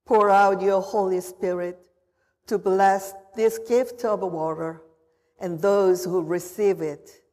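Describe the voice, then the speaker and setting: Woman pastor, slow measured liturgy, low-ish voice, long cathedral echo. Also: darkish tone. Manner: measured, formal liturgical reading. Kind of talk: leading a confirmation liturgy. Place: church sanctuary. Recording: voice in a reverberant church.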